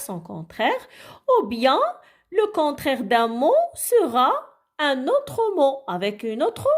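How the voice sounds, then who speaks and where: A woman teaching a grammar lesson to young children, patient and repetitive, often checking whether they follow. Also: a little high. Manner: patient, repeats words and asks "d'accord?". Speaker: primary school teacher.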